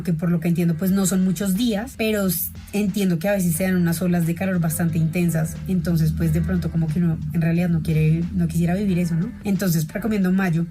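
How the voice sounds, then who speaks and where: A woman's voice: medium pitch, dark tone. A young woman hosting a podcast, telling a travel story in a chatty, friendly way and talking straight to her listeners. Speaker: podcast host.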